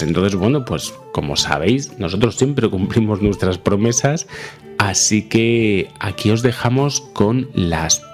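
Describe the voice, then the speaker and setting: A man hosting a psychology podcast, explaining in a conversational way and often checking in with the listener. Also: on the low side. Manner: conversational, frequent tag questions. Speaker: podcast host.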